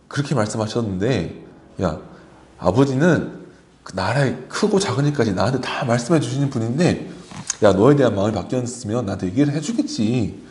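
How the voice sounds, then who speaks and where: A man voicing a young prince who speaks to a friend in a casual, reassuring way, in a slightly lower voice. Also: a little mellow, lightly acted. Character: young prince, calm trusting loyal friend.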